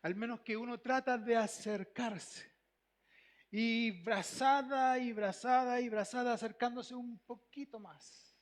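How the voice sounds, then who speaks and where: Un pastor con acento chileno que predica con énfasis, repitiendo frases y haciendo preguntas a la congregación. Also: male voice, extremely high pitch, fairly even intonation, takes it slowly. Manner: emphatic, repeats phrases, asks the congregation questions. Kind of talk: sermon.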